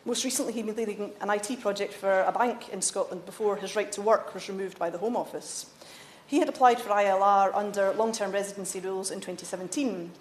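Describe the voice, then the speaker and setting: A woman's voice: mid-range voice, fast, echoey room, a little hiss or hum. A woman member of parliament giving an earnest, insistent debate speech, with stumbles and self-corrections. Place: debating chamber.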